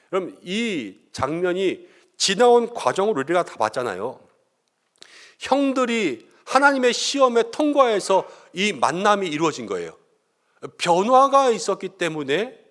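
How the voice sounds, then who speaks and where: A middle-aged male pastor delivers a Sunday sermon with a lively, swinging delivery. His voice sits a little high for a man and rises sharply when he acts out the lines he quotes. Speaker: senior pastor.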